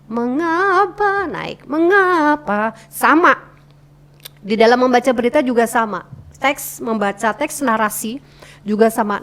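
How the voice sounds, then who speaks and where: Woman teaching news reading, higher voice. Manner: demonstrates intonation by reading passages aloud and repeating key words. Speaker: radio broadcasting instructor. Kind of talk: tutorial on reading news and narration aloud. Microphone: close desk microphone she adjusts.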